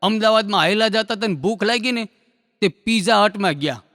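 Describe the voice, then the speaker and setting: Man, very high pitch, stand-up joke telling, quick acted-out dialogue. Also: fairly bright tone, dry recording, clean studio sound, in a large hall. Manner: folksy storytelling, acting out characters in quick dialogue. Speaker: stand-up comedian. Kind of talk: Gujarati joke telling, stage storytelling.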